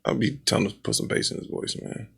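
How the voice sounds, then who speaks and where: A man in his thirties co-hosting a casual podcast chat, blunt and animated as he tells stories. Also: fast talker. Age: 30s. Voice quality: gravelly. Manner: blunt, animated storytelling with acted quotes. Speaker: podcast co-host.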